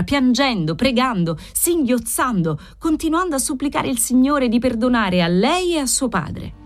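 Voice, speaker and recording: A woman narrating a dramatic novel in an expressive, measured reading voice. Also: on the high side. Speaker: audiobook reader.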